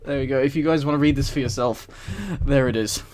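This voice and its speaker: Through a headset mic, a streamer reads a book aloud to his live chat, speaking fast in a steady, mid-range voice with a darkish tone. It's a casual livestream, and he drifts into amused, giggly, rambling commentary along the way.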